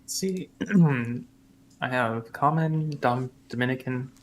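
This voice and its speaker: A man's voice: medium pitch, a little hiss or hum. A man playing in an online tabletop game, chatting casually with frequent giggles over voice chat. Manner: giggly, unhurried. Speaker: player.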